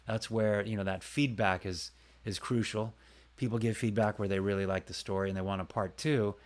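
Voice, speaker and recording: Male streamer, lower register, loose rambling chat straight to his viewers, close mic. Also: fairly even intonation, moderate pace. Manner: rambling, chatty, talks to viewers by name. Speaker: livestream host and voice actor. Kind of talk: casual livestream chat. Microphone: close desk mic.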